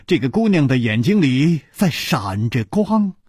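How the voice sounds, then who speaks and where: Man, storyteller, husky, animated pitch, measured delivery. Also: dry recording, studio quality. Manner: slow, measured, expressive narration. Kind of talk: Chinese storytelling broadcast.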